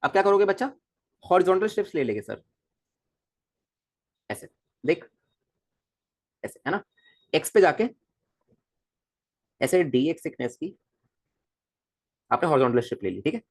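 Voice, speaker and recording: Animated male physics teacher, dry room. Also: a little high, normal speed, pauses often, dry recording. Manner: animated, coaxing, repeats questions to students. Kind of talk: recorded classroom lecture.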